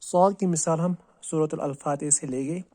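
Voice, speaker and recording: A man teaching Quran recitation. He asks and answers his own questions and repeats words slowly, drawing out each sound to show how to say it. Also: a little high, warm tone, dry recording. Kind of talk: tajweed lesson on letter pronunciation.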